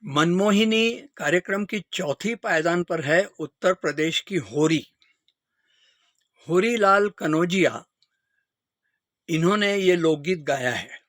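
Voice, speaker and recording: Guy announcing on the radio, slow and formal, pitch a bit high, dry studio sound. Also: a bit bright, dry recording. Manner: measured, formal presenting.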